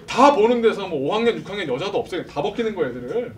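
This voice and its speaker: Animated man telling a story at church. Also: high voice, very fast, a crowd in the background. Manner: animated, acts out quoted voices, laughs often. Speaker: speaker at a church service. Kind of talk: storytelling testimony to a congregation. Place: church sanctuary. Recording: distant mic with background noise.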